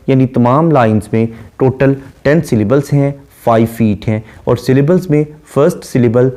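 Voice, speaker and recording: A man's voice: mid-range voice, mellow. A man, lecturing on a poem and explaining its lines step by step. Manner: reads verse lines slowly, then explains in measured prose. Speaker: literature lecturer.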